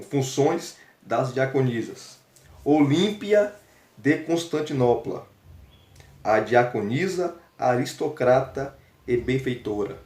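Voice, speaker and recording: A male teacher reviewing a book, slowly reading out its chapter headings with fillers and asides. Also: mid-range voice, a little mellow, echoey room. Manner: slow, listing chapter headings with frequent fillers.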